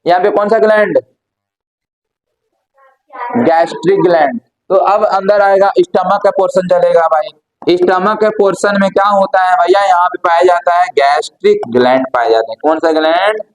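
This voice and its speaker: A man's voice: sits high, moderate pace, low-quality recording. A male biology teacher, lecturing casually, firing questions at the class and answering them himself. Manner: asks questions and answers them himself, calls students brother.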